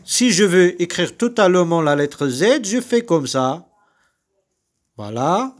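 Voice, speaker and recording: Slow, lively Moroccan French teacher. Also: male voice, sits high. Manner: slow, deliberate, repeats words and syllables. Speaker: primary school teacher. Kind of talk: slow recorded reading lesson for young children.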